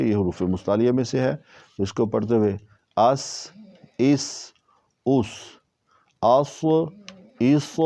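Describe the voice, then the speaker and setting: A man's voice: medium pitch, warm tone, no room sound, muffled recording. A man teaching Quran recitation in Urdu with a Pakistani accent, patiently spelling out and repeating each syllable several times. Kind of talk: slow spelled-out tajweed lesson.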